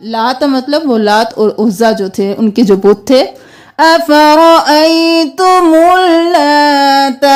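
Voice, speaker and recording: A woman teaching Quran recitation. She spells out each word for learners, then chants it slowly and draws out the vowels, and switches to quick explanation in between. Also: fairly high pitch, a little mellow.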